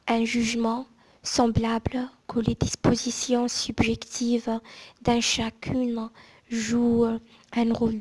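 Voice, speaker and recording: A woman reading aloud from a book in a soft, hushed ASMR whisper, like in a library, mostly unvoiced, with careful phrasing and small pauses. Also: a little high, breathy edge, low-quality recording.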